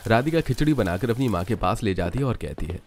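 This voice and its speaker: A man narrating a cartoon story in a steady, even storytelling manner. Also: on the low side, quick pace.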